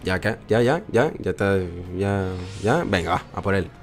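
A man's voice: on the low side, lively intonation, moderate pace, soft background music. A young man with a Spain Spanish accent, hosting a let's play with joking, sarcastic, swear-filled casual commentary.

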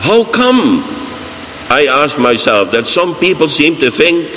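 An older man with a Dutch accent, a priest giving a homily from the pulpit of a large church, slow, deliberate and emphatic. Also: on the high side, big pitch swings, bright, forceful tone. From Netherlands. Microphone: fixed mic on pulpit. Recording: church reverb, faint hiss.

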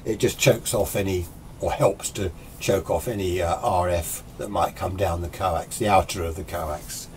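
In a small indoor radio workshop with clear background noise, an older man from the United Kingdom, aged in his sixties, rambles through a hobby tutorial on amateur radio. His lowish voice keeps a steady tone at normal speed, chatty, unscripted and opinionated.

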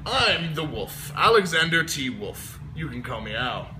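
A chatty storybook wolf, played by a man reading aloud, protests his innocence in a fairly high voice. He is folksy and emphatic, full of mock innocence. The phone recording has clear background noise. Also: big pitch swings, a little slow, sharp tone, heavily acted. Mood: mock innocent. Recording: noisy amateur phone video recording.

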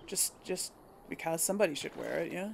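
A gaming video host, she has a fairly low, gravelly voice with lively intonation and a fairly quick pace, plus a little hiss or hum on the recording. She chats casually to viewers in let's play commentary, musing aloud as she goes, over video game ambience and effects.

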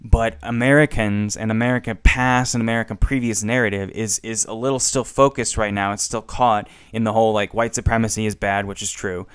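A man's voice: on the low side, steady tone, fairly bright tone, clean tone, no room sound, studio quality. A young man giving rambling, frustrated commentary on a debate, with many fillers and some swearing. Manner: rambling, halting, heavy with fillers. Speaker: political commentator.

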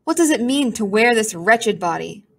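A woman voices a melodramatic, self-pitying talking pigeon, pompous and theatrical. Her voice is a little high and sing-song at normal speed, full of haughty, sighing complaints.

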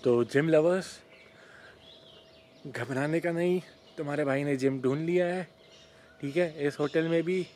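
A man's voice: fairly high pitch, a little slow, long pauses, a little mellow, a little hiss or hum. A young man in a casual walking vlog, chatting to the camera on a phone held at arm's length, joking and correcting himself as he tours a wooded resort. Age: young adult. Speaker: travel vlogger. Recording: faint outdoor ambience with birds.

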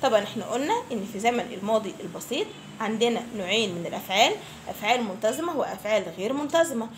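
A woman's voice: on the high side, animated, rapid-fire, a little hiss or hum. A woman with an Egyptian Arabic accent, an English teacher giving a patient online lesson to schoolchildren. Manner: patient, addresses pupils affectionately. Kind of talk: YouTube lesson for children.

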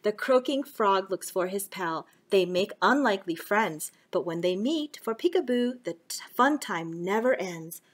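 Slow-talking woman reading to children. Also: medium pitch, expressive. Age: middle-aged. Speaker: host of a children's puppet story time. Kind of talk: children's storytelling, reading a picture book aloud.

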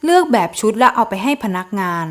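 A woman narrating an audio novel in a steady, even reading voice. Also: a little high, fast. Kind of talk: scripted storybook narration.

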